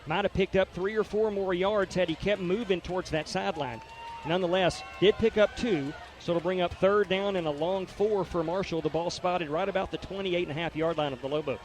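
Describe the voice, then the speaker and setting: Higher-voiced male color commentator, folksy and partisan, breaks down plays in detail. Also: brisk. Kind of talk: radio football color commentary.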